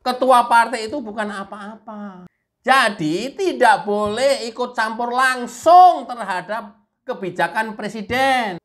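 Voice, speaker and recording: A woman's voice: fairly high pitch, slow. A woman giving a mocking, emphatic political commentary full of rhetorical questions.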